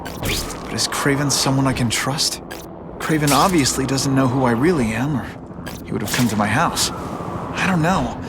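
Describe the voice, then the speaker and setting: An actor playing a young wisecracking American superhero and student photographer in a video game, with a boyish, quippy manner. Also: male voice, medium pitch, normal speed, pauses often, natural voice. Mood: musing, self-talk. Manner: quippy, boyish, self-questioning. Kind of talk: video game character acting. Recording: clear background noise.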